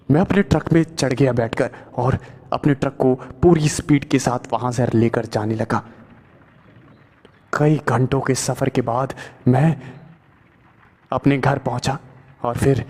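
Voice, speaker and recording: A man narrating a first-person horror story in slow, tense storytelling. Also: medium pitch, warm tone. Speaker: storyteller narrating as a truck driver.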